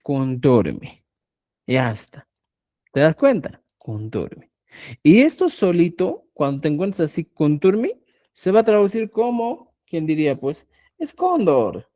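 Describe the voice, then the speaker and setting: A man gives an online lesson, speaking slowly with a mellow, warm tone. His pitch sits a little high and swings widely as he stresses words. He keeps pausing to check that his students have understood. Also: big pitch swings. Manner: explains slowly, checks in with "¿ya?" after nearly every phrase; addresses students as "estimados amigos". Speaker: Quechua writing teacher.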